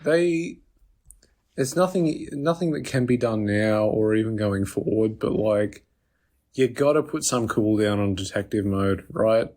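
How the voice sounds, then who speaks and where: A man's voice: fairly low pitch, measured pace, darkish tone. A man co-hosting a casual gaming podcast, mostly chiming in with short agreements and questioning asides. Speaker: podcast co-host.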